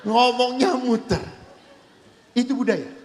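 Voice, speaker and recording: Brief: a high-voiced priest preaching, full of animated storytelling, with a long reverb from a large hall. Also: male voice, slow pace, a little hiss or hum. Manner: lively storytelling with acted-out quotes. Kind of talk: seminar sermon. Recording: echoey hall.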